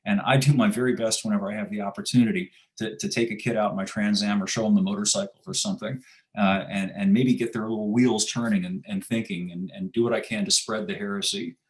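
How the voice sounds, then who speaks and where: A man's voice: fairly low pitch, steady tone, fast talker. An American man, a guest in an interview, talking in a sardonic, emphatic storytelling way. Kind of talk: casual interview talk.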